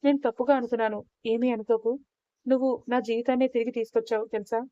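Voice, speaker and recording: A woman reading aloud voices a young husband who speaks quickly and with feeling. The voice stays mellow and a little high. It sounds close, dry and muffled. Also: flat delivery, no room sound, natural voice. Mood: grateful. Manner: quick, heartfelt. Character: young husband, grateful and emotional. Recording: dull, dry lo-fi recording.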